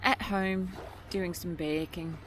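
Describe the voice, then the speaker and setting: Teasing vlogger on a noisy beach. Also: male voice, sits high, fairly even intonation, slow pace, fairly bright tone. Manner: laughing, teasing banter. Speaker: vlog co-host. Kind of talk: casual travel vlog chat. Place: beach outdoors at sunset. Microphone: handheld phone camera. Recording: outdoor noise on a beach.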